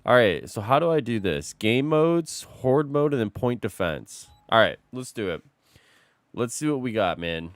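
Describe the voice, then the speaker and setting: A man's voice: medium pitch, big pitch swings, unhurried, no echo. A man streaming a game while sick, chatting loosely with his viewers and answering chat as he plays. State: sick, slightly rough voice. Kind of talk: casual live-stream chat.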